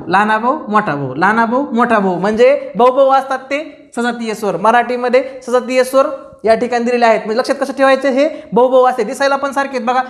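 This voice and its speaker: A male teacher giving a grammar lesson for exam students, repeating terms and asking the class questions. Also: very high-pitched. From Maharashtra, India. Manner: repetitive, drilling, questions to students.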